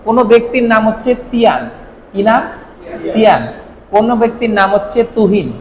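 A male language teacher from Bangladesh running a vocabulary drill, asking questions and repeating words slowly for learners. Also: high-pitched, expressive, in a large hall, a little hiss or hum, low-quality recording.

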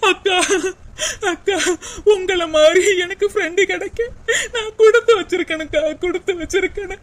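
A high, thin-voiced young cartoon wife, played by a woman, close to tears and pleading softly with her friend. She sounds worn down and anxious. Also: moderate pace. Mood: tearful. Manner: tearful, pleading. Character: young wife, tearful and worried about money. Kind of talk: cartoon voice acting.

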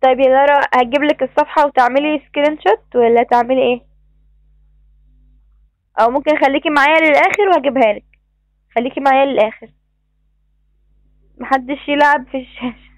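This is a woman with an Egyptian Arabic accent and a high voice, teaching young pupils over a video call. She cheers them on and repeats each instruction patiently. The sound is dry and close. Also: fairly even intonation, quick pace, long pauses, dry recording, highs cut off. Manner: encouraging, repeats praise and instructions. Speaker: primary school teacher. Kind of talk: online class. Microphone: computer mic on a video call.

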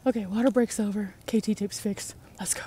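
A woman's voice: mid-range voice, steady tone, brisk, over loud music. A woman in her thirties vlogging to a phone held at arm's length while climbing a steep outdoor trail, tired and out of breath. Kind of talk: hiking vlog to camera.

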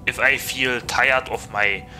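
Bright-voiced flustered German gaming streamer. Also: male voice, medium pitch, steady tone, slow, soft background music. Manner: playful, easily flustered, laughs a lot. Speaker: VTuber streamer. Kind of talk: casual gaming stream chat.

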